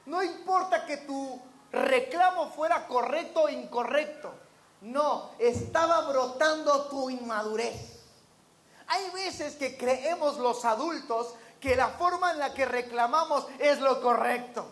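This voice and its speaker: A man with an extremely high, slightly bright voice preaches slowly to a congregation. He throws out rhetorical questions and acts out the voices of the people in his stories.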